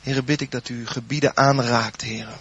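Fervent preacher man, husky dull recording. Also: mid-range voice, steady tone, moderate pace. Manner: fervent, swells loud then drops soft. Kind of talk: sermon and spoken prayer.

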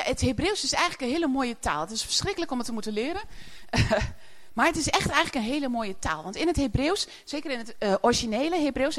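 A woman preaching a sermon in a chatty way, often laughing as she speaks to the congregation. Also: sits high.

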